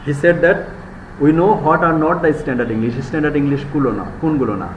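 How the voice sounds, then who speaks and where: A male lecturer with a Bangladeshi accent addresses his students, slowing right down when reading English quotations and rushing through his own explanations. His voice sits a little high. The classroom sound is echoey, with a faint hiss underneath. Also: lo-fi sound. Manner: switches between rapid Bengali explanations and slow, deliberate English reading. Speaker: university lecturer. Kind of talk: live classroom lecture mixing Bengali and English. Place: university classroom.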